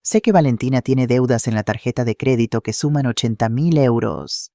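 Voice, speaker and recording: A storyteller voicing a wealthy blind husband who speaks low, controlled and quietly dangerous. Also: animated, moderate pace, no room sound, clean studio sound, lightly acted. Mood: cold. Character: calm, wealthy blind older husband, coldly protective.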